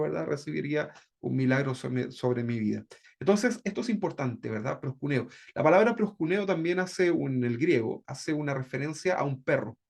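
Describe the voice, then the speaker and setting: This man speaks at a fairly high pitch with a gravelly texture while teaching a Bible discipleship class. His style is conversational, and he often asks "¿verdad?" to check in.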